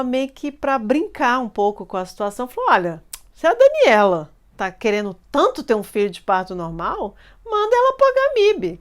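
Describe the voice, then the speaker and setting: Animated storytelling woman, smooth clear voice. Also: fairly high pitch. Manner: animated, acts out quoted people. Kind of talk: personal storytelling.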